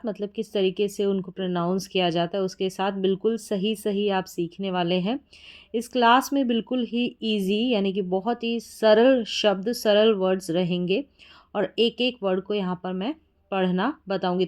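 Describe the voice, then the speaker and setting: A woman teaches beginners to read words letter by letter. She speaks slowly and patiently, sounding out each letter pair and repeating every word. Her voice is soft and mellow, at a middle pitch. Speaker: English teacher. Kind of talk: slow spelling lesson for beginners.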